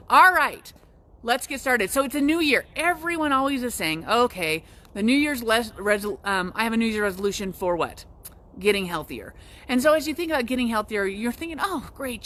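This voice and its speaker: A woman's voice: sits high, fairly bright tone. A young woman hosting a local business video, chatty and upbeat, talking casually as she walks and visits. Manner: chatty and upbeat, with frequent restarts. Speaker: real estate agent hosting a local business show. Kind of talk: casual live video walk-and-talk.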